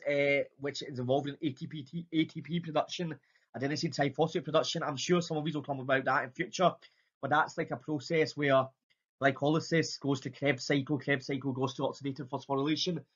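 A man's voice: on the high side, breathy edge. Man with a broad Scottish accent, dull recording. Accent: strong Scottish. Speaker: biology lecturer. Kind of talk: informal slide lecture. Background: voice-over for slides.

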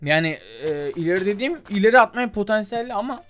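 Young male gaming host, slightly high voice, loose muttering commentary over soft game music. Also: animated, fast. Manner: chatty, mutters while trying, calls viewers "abi" and "gençler". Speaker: gaming YouTuber. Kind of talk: casual gameplay commentary.

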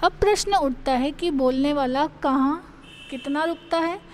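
A woman school teacher with an Indian accent explaining a grammar lesson, slowly reading out examples. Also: high-pitched, slight background noise. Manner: slow, explanatory, reads out examples.

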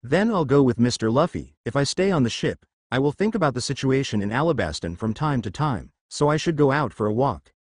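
Gentle young princess, man doing the voice, polite, earnest, dry close sound. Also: medium pitch, animated, fairly quick, few pauses, no echo, close to an everyday voice.

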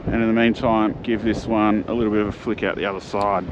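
Wind and water fill the background as an Australian man with a fairly low voice speaks fast while filming his fishing on a jetty by the sea. Relaxed and slangy, he's recorded through a first-person camera-mounted mic in dull outdoor audio with wind noise.

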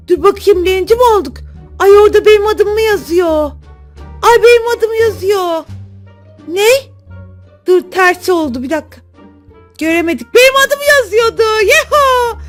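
Woman game-video host, very high voice, chatty and excitable, soft game music behind. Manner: excitable, chatty, often calling out to viewers. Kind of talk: casual game commentary.

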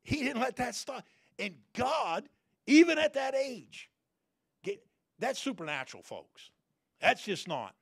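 A man preaching a folksy sermon, repeating phrases and sometimes bursting into loud shouted prayers. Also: very high-pitched, sing-song, measured pace, gravelly, pauses often, breathy edge, no echo, clean studio sound.

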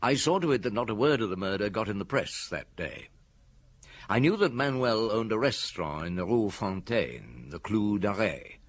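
An actor playing a seasoned, shrewd police inspector in a radio drama, speaking in a deliberate, thoughtful manner. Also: male voice, fairly low pitch, sing-song. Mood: musing. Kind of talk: radio drama acting, dialogue and recollection.

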